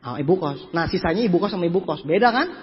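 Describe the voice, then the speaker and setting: Male motivational speaker, very high voice, animated anecdotal delivery, echoey hall. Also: racing. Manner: animated, mimics people in his anecdotes, repeats words for emphasis. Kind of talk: lively storytelling seminar talk. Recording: echoey hall, muffled lo-fi sound.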